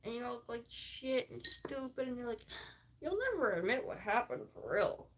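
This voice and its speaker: A woman's voice: fairly high pitch, animated, normal speed. A woman hosting a livestream, talking in a rambling, emphatic monologue full of swearing and fillers. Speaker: livestream host.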